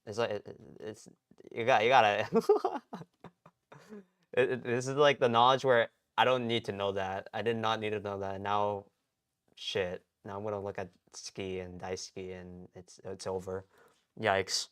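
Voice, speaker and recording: A man talks his way through a late-night live stream from home, his voice sitting a little low and coming across smooth and clear. He rambles in casual slang, repeating words and restarting his sentences as he goes. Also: level tone, moderate pace, a bit bright. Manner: rambling, slangy, self-interrupting.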